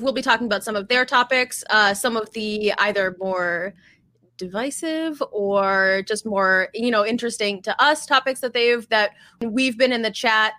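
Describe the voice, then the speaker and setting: A woman's voice: on the high side, bright, forceful tone, no echo, clean studio sound. A woman co-hosting a podcast in casual, upbeat chat, laughing often. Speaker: podcast co-host.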